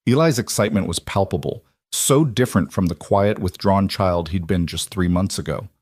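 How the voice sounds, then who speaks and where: A man narrating a scripted story in an even, measured reading. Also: deep voice, husky, no room sound, studio quality.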